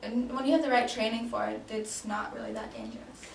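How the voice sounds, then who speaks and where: A woman in her late twenties from Denmark, with a fairly high, very animated voice, talks fairly quickly with some vocal fry. She answers questions in a casual, improvised mock job interview, hesitating with lots of ums and restarts. The room is echoey, the mic sits at a distance, and there is faint noise.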